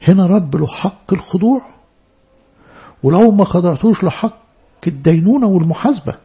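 Egyptian guy preaching in church, high-ish gritty voice, loud stresses then quiet bits, muffled recording. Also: lively intonation, brisk, husky. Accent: Egyptian Arabic. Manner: emphatic, swinging between loud stresses and soft asides. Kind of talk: church sermon.

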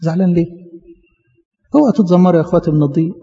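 A man's voice: on the high side, racing, warm tone. A male priest with an Egyptian Arabic accent preaching a sermon, passionately acting out biblical dialogue with his voice rising. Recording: dull audio with long church reverb.

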